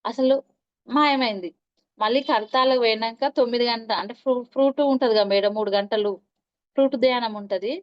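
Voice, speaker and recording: A woman with a fairly high, smooth, clear voice tells her personal spiritual stories with many restarts and acted-out quotes. The recording sounds dull and lo-fi. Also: steady tone, brisk. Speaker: meditation practitioner interviewed. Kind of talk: recounting personal spiritual experiences.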